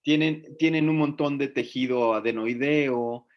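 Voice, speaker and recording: Man, medical teacher, lively and questioning, lots of fillers. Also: mid-range voice, measured pace, lo-fi sound. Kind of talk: online class discussion.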